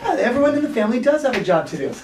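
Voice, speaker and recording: A man's voice: extremely high pitch, very animated, very fast, a crowd in the background. A man teaching a children's Bible class, encouraging the kids and prompting them with questions. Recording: echoey room, mic far off.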